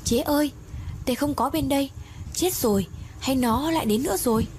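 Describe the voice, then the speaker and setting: A bossy, loyal young woman who talks fast and sharp when she is scared, as voiced by a woman reading the story. Her voice sits higher than the reader's own. Steady hiss runs under the recording. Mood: panicked. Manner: brisk, scolding, urgent. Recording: noisy background hiss.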